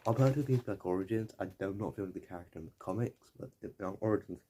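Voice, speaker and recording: A man's voice: lowish voice, fast talker, warm tone. A young man, rambling through a casual video essay commentary, often correcting himself and swearing now and then. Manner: digressive, self-correcting, mildly profane. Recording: faint background noise.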